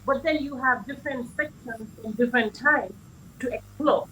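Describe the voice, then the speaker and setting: A woman's voice: sits high, moderate pace, sharp tone, rough recording. A woman from Gambia speaking as a panel guest over a video call with a breaking-up connection, hesitant, with many fillers and restarts. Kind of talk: remote panel discussion.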